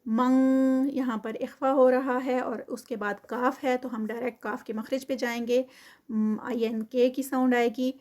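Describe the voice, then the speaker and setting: A woman teaching Quran tajweed, reciting slowly and drawing out the words, then explaining the rules quickly. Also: on the high side, steady tone, a little mellow. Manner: slow drawn-out recitation between quick explanations. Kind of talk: tajweed lesson.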